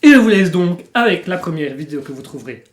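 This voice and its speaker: A man's voice: high-pitched, expressive, fast talker, roomy sound. A man hosting his improv channel, explaining it in a rambling, self-mocking, playful way. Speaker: channel host. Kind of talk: comic improv vlog. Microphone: facing the camera.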